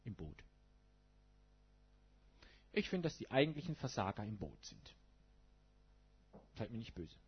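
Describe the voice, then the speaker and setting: Male pastor giving a sermon in a casual tone, with an animated, husky voice on a dull lo-fi recording. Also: fairly low pitch, a little slow, long pauses. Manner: colloquial, asks the congregation rhetorical questions.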